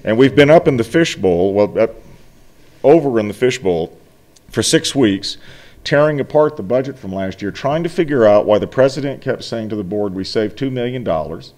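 Seated at a meeting room table with a desk mic, a middle-aged college finance officer delivers a formal finance report to a board. He speaks earnestly and emphatically, often restarting phrases, in a mid-range, darkish, expressive voice at normal speed.

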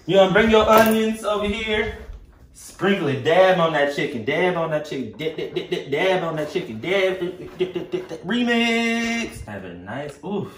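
A man in his twenties, from Louisiana with a Southern US accent, hosts a home cooking vlog in a high voice at a moderate pace. Sassy, playful, and animated, he talks to viewers in casual slang. The camera stands a step or two away in the echoey home kitchen, picking up some background noise.

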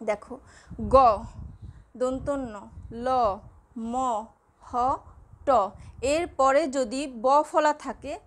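Woman lecturer, high voice, patient and deliberate, spelling letters out for students. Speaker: Bengali lecturer. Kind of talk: classroom lecture.

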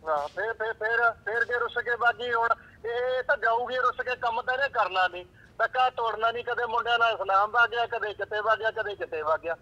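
An actor playing a short-tempered village uncle, curt and scolding on a phone call. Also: male voice, very high-pitched, brisk, bright, forceful tone. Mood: irritated. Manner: curt and scolding, cuts the other person short. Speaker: in-law on the phone. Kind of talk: rural comedy-drama acting. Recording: muffled phone line with faint noise.

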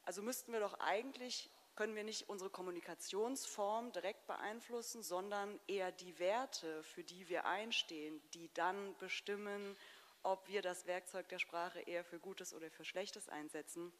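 A woman's voice: medium pitch, steady tone, normal speed, a little hiss or hum. A woman interviewer reflecting aloud and building up to a question at a stage event.

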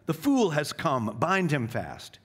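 A man's voice: a little high, wildly swooping pitch, slow, slightly rough, heavily acted. A man voicing a cruel, commanding witch queen who barks out scornful orders while reading a storybook aloud in a sermon. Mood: scornful commands.

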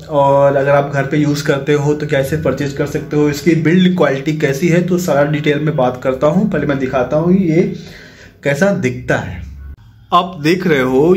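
चुलबुला, बातूनी आदमी का घरेलू review. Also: male voice, on the high side. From Jharkhand, India. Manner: chatty, repeats himself, corrects on the fly. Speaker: vlogger reviewing a gym bench. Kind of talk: casual product review. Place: small room at home, indoors. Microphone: phone camera, handheld close.

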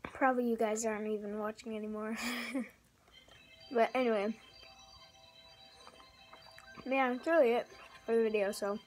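A woman's voice: on the high side, steady tone, fairly quick, faint music behind. A young woman hosting her own casual homemade vlog off camera. She rambles and giggles, with lots of likes and ums. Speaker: vlogger. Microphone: off-camera voice, face not shown.

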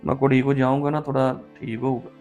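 A man's voice: mid-range voice, level tone, quick pace, a little mellow, faint music behind. A man acting as a young father in a scripted family drama, defensive and hot-tempered, pleading with his aunt.

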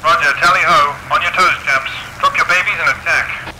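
A clipped wartime radar controller calls out positions over a crackly AM radio, put on by a man. The voice sits on the higher side, buried in heavy static. Each call follows strict radio procedure. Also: steady tone, normal speed. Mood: brisk. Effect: crackly AM radio transmission.

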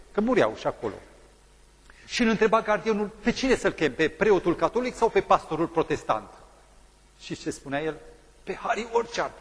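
Male pastor, dramatic sermon storyteller, lively swooping delivery, husky tone, reverberant hall. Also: on the high side. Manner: dramatic storytelling, acting out the people in his story.

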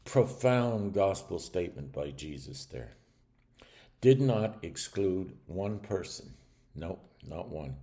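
An older man preaching a stern warning sermon to camera from a small room at home, earnest and halting with restarts. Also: deep voice, lively intonation, dark tone.

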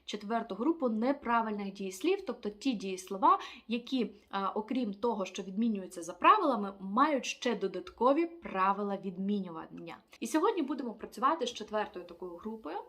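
Woman, language teacher, online lesson, step-by-step explanation, filler pauses. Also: mid-range voice, lively intonation, fairly bright tone.

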